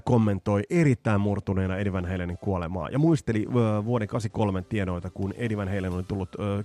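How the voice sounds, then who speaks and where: A man's voice: fairly low pitch, warm tone, no echo. A man in his forties or fifties from Finland, hosting a podcast and talking casually in a rambling way, with many fillers and restarts. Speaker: podcast host. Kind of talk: casual music podcast commentary. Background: faint music.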